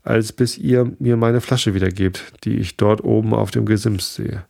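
A man's voice: lowish voice, steady tone, moderate pace, gravelly, darkish tone. A man reading aloud and voicing an eager, crafty poor farmer in a folk tale. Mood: defiant.

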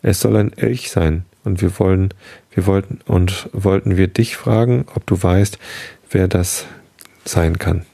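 A man voicing a solemn old male elk elder in a storybook reading, speaking gravely and deliberately. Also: sits low, fairly even intonation, dark tone, no room sound, full character voice.

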